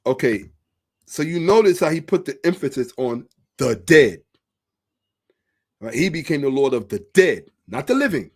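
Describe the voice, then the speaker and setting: A man's voice: on the high side, big pitch swings, normal speed. A man hosting a social commentary monologue, emphatic and repetitive, asking rhetorical questions. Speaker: host.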